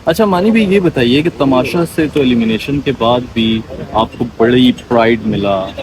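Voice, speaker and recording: A man with a mid-pitched voice asks eager, rambling questions and addresses his guest warmly by name. He records outdoors at night on a city street, with traffic and street noise clear behind him. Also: normal speed. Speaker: interviewer, vlog host. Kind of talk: casual interview questions.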